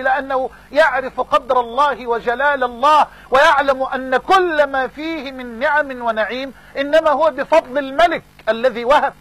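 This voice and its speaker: High husky Egyptian preacher. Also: male voice, a bit bright, no room sound, low-quality recording. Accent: Egyptian Arabic. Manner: fervent, repeats phrases for emphasis. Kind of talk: sermon.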